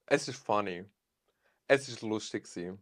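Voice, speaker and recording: A young man with a Swiss German accent, chatting openly as a podcast guest, expressive and sprinkling in English phrases. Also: fairly low pitch, measured pace, no echo, clean studio sound. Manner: expressive, mixes English phrases, laughs often. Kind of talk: casual chat.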